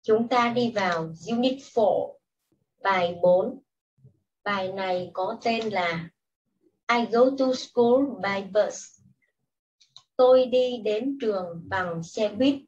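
A woman teacher giving patient, step-by-step instructions in a slow classroom style. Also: mid-range voice. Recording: distant, muffled mic with faint hiss.

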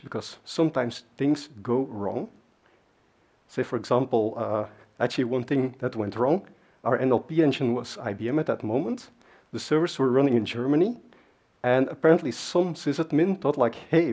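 This conference speaker, a man who grew up speaking Dutch, has a mid-range voice with a darkish tone. He talks casually about technical topics from a large dark stage, wandering into fillers and asides.

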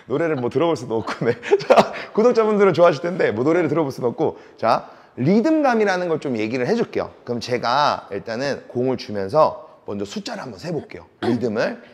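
A man's voice: mid-range voice, very animated, quick pace, hardly any pauses. A man coaching a student at table tennis, praising often, counting rhythm aloud and teasing her. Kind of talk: on-court lesson, coaching a student.

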